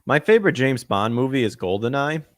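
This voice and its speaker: A man's voice: medium pitch, big pitch swings, fairly quick, no room sound, clean studio sound. A man hosting a podcast, reading news and mocking it with sarcastic asides, laughing at his own jokes and stumbling over words. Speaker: podcast host. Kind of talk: casual commentary reading news aloud.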